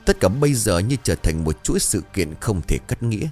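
A man telling a scripted horror story in a steady, dramatic way. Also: lowish voice, brisk, faint music behind.

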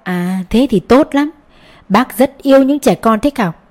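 A genial middle-aged male schoolteacher, as a woman narrator puts him on, who rambles on in a friendly, wordy way. The voice sits a touch above her usual range, with a soft, mellow tone. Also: a little high, expressive, a little slow, voice pushed up.

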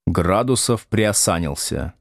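A man narrates an audiobook at an unhurried pace with a lively, expressive melody. His voice sits at a middle pitch. The recording is close and dry with no room sound. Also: gravelly, no room sound. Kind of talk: scripted narration.

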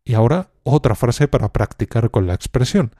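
A man teaching a language lesson, speaking calmly and deliberately with some hesitant fillers. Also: medium pitch, dry recording, studio quality. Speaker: Spanish teacher. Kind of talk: slow, clear language lesson.

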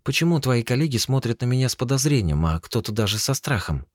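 A man's voice: medium pitch, sing-song, fast, darkish tone, no echo, studio quality, voice pushed up. A man voicing a young woman in an audiobook, a distraught sister who talks in tearful, accusing bursts. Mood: suspicious.

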